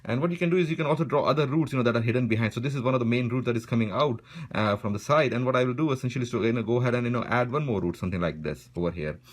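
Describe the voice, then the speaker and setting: A man narrating a pen and ink drawing tutorial in a relaxed way, filling his speech with "you know" as he draws. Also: mid-range voice, very fast, hardly any pauses. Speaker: drawing instructor. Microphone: voice-over while drawing.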